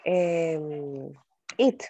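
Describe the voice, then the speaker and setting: A woman's voice: low-pitched, drawn-out words, warm tone. A woman student in an online class, reading and answering with hesitation.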